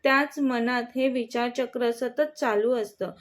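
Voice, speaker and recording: A devoted young woman in love, anxious and pleading, as a woman narrator voices her. Her voice is fairly high and earnest. It comes across as simple storybook dialogue. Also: a little slow, lightly acted.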